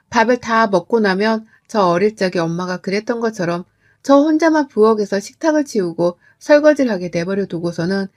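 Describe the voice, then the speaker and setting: A woman telling a first-person family story as scripted narration, in an even, reflective tone. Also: medium pitch.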